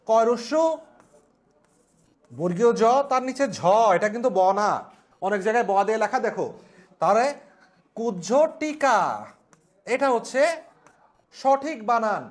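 Male spelling teacher, high-pitched voice, slow drawn-out repetition. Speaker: Bengali language instructor. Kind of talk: classroom lesson at a whiteboard.

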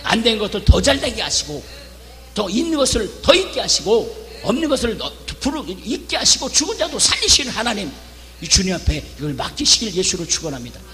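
A middle-aged male pastor preaching a revival sermon, fervent, calling out for amens and shouting his key lines. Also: high-pitched, big pitch swings, fairly quick. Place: church hall. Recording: reverberant church hall with faint hum.

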